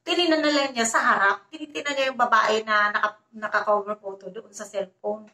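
Bright, high-voiced woman telling a story. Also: steady tone, brisk. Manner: chatty, repeatedly addresses viewers. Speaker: storytelling vlogger. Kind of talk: casual spoken storytelling. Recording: roomy echo.

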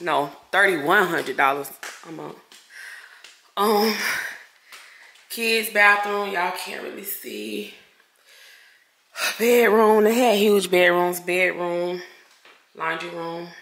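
A woman's voice: fairly low pitch, steady tone, takes it slowly, long pauses, a bit bright. A young woman, crying through an emotional vlog house tour, exclaiming and calling her viewers y'all, filmed on a handheld phone in an empty new house. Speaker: vlogger.

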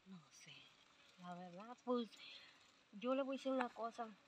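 A woman's voice: on the high side, a little slow, a little hiss or hum. An older woman with a Mexican accent, telling her story in a rambling way with many fillers, quoting what others said. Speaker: interviewee. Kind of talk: casual storytelling.

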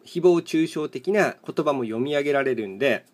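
A man with a voice a little higher than most men's talks casually, like a host chatting over a solo game. He thinks aloud in short fragments and keeps a plain, matter-of-fact way of speaking. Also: lively intonation, normal speed, a little mellow. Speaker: host of a solo mahjong chat video and live streamer. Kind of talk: casual rambling commentary while playing tiles.

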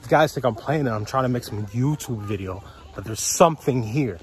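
A man's voice: mid-range voice, fairly quick. A man, a father, vlogging a family walk in the woods; he talks jokingly and sounds out of breath. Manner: jokey, animated, teasing. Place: outdoors in woods.

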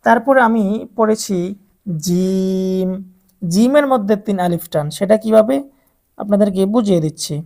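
A woman's voice: medium pitch, brisk, vocal fry, darkish tone. A woman teaching Quran reading to adult beginners, drawing out each letter sound patiently and coaching listeners to repeat after her. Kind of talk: slow step-by-step recitation lesson.

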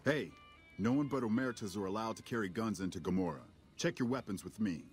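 Actor as a low, tough casino doorman. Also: fairly quick, music in the background, lightly acted. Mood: curt, commanding. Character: curt, tough casino doorman guarding the entrance. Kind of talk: video game character dialogue.

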